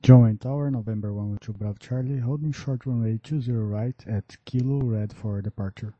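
A man's voice: medium pitch, a little fast, dry recording. A man talking as a pilot over a cockpit headset radio, giving clipped, procedural readbacks. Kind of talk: aviation radio calls. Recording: muffled lo-fi radio audio.

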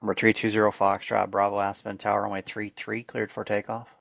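Flat, gravelly male air traffic controller. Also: on the low side, a little fast, no echo. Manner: procedural, clipped phraseology. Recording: dull, lo-fi radio sound.

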